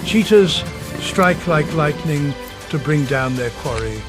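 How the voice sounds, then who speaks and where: A man narrating a nature documentary from a script in a dramatic, measured, portentous way. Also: on the high side, animated. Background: music.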